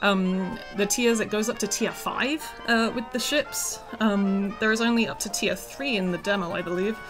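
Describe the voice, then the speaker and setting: Woman, game developer, casual livestream chat, scratchy rough voice, medium pitch, lots of fillers, soft music underneath. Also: moderate pace. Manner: chatty, with many ums and uhs. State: scratchy, rough voice from feeling unwell. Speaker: game developer streaming a demo.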